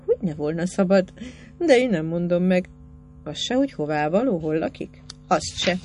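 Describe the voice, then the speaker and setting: Brief: a timid young girl who stumbles over her words and won't give up her secret, put on by a woman narrator with a low voice. Storybook reading. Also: very animated, darkish tone, soft background music. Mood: stubborn. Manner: hesitant, halting speech.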